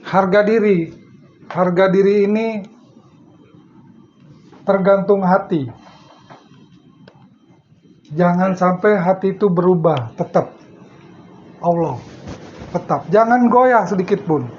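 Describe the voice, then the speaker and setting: A man's voice: slow pace, pauses often. A man giving a casual religious study talk, chatting and laughing often. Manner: chatty, laughs often, quotes his teachers in a low soft voice. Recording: dull lo-fi recording with faint noise.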